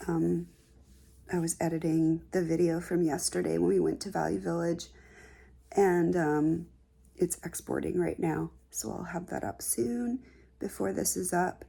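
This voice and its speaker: A woman with a gravelly, husky morning voice, chatting casually for a vlog in a sleepy, low-key way. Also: fairly even intonation, unhurried, mellow. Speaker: vlogger. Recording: clear ambient background noise.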